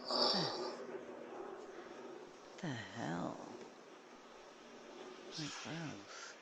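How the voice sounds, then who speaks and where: A man's voice: on the high side, animated, drawn-out words, gravelly, heavy background noise. A man giving casual, offhand reaction commentary on video clips, with frequent short exclamations.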